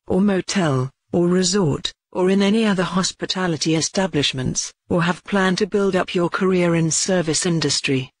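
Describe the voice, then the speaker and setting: A woman reads a scripted promotional voice-over for a training manual, listing its selling points at a steady pitch. There is no room sound.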